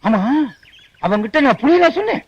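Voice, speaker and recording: An actor playing a grumpy middle-aged boss in a comic film scene, blustering and exasperated. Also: male voice, extremely high pitch, big pitch swings, normal speed, breathy edge, muffled recording, heavily acted. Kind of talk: 1990s comic film dialogue.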